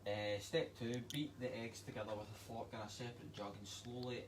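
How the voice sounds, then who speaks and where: A Scottish man, a chef, giving a relaxed, chatty cooking demonstration and reading out recipe steps. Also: medium pitch, a little fast, noisy background. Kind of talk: casual cooking demo on a livestream.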